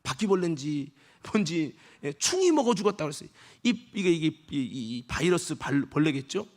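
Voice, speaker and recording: A man preaching a sermon as senior pastor in a church, animated, acting out scenes in dialogue and leading the congregation in shouted responses. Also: on the high side, normal speed. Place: church sanctuary.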